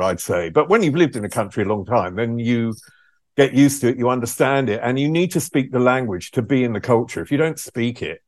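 A middle-aged English man with an English accent, a podcast guest who tells stories in a lively way, laughing often and acting out quotes. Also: mid-range voice, dry recording, studio quality. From England. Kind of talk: casual conversation.

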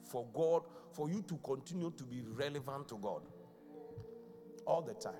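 This bishop's mid-range voice is warm and animated, moving at a normal pace. Keyboard music plays beneath his chatty live sermon, which he fills with questions for the congregation.

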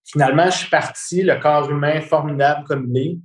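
A man with a Quebec French accent tells a long personal story as a guest, animated and often repeating words while he searches for the next one. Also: on the high side, fairly quick. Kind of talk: casual storytelling conversation. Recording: roomy echo.

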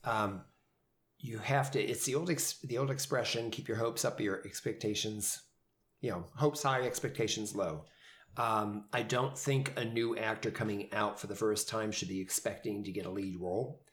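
A man's voice: on the low side, moderate pace, a bit bright, a little hiss or hum. A man who directs community theater, talking casually in a podcast about coaching new actors, with many fillers and restarts. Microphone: headphones and studio mic.

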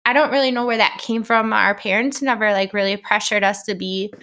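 A woman co-hosting a podcast in casual chat with her sister, chatty and quick to laugh, with a girlish voice. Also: pushed and bright, a little hiss or hum. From Illinois. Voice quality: high-pitched girlish voice. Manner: chatty, laughs often, many fillers. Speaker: podcast co-host.

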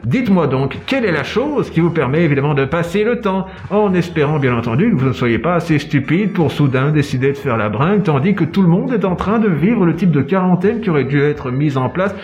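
A man's voice: on the high side, lively intonation, brisk, few pauses, darkish tone, muffled recording, voice pushed up, close to an everyday voice. A man playing a pompous self-styled detective in a comic sketch, theatrical and playful. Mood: mock-grandiose. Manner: theatrical, playful, with silly sung noises. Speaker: comedic sketch character.

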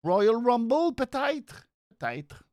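A host with a nasal voice and a Quebec French accent gives a casual show recap, halting and repeating words for emphasis. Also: mid-range voice, dry recording, studio quality. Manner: animated, hesitant, halting phrases with repeats for emphasis. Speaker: wrestling show review host.

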